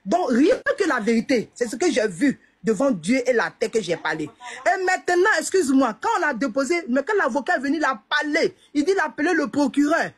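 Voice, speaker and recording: Woman, Ivorian French accent, high and very animated, emphatic, repetitive, conversational testimony. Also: brisk, slightly rough. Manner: emphatic, repetitive, proverb-laden. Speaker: interviewee, family member of a deceased man.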